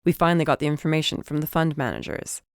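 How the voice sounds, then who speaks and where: A woman voicing a wry, deadpan male police detective in an audiobook. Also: deep voice, fast, clear, resonant tone, no room sound, studio quality.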